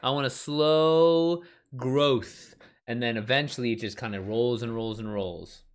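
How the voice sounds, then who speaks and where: A man's voice: medium pitch, unhurried, clean tone. Thirties male author-streamer, loose and rambling, restarts his sentences, chats with viewers. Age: 30s. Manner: rambling, chatty, many fillers and restarts; talks back to chat readers. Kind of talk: casual live-stream chat. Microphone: streaming mic.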